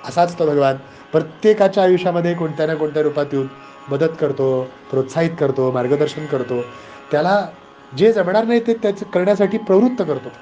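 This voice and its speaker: A man with a Marathi accent giving a devotional scripture discourse, animated and conversational with moralizing asides. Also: a little high, fairly quick, dull audio, faint music behind. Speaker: spiritual storyteller.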